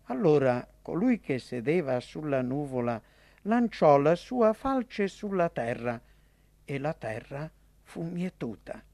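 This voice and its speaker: Male reader for scripture, solemn and measured, pitched high, very slow. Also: sing-song, darkish tone, no room sound.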